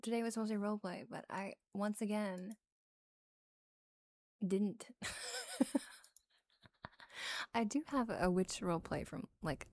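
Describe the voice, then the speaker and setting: A woman's voice: medium pitch, a little slow, long pauses, darkish tone, no room sound, studio quality. A woman streamer chatting informally with her viewers in a musing, hedging way. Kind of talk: casual livestream chat. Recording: background noise with small clicks.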